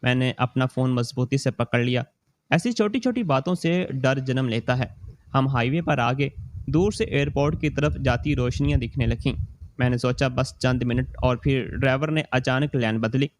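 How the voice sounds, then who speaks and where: A man reading a scripted moral story in the first person, slow and steady. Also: mid-range voice.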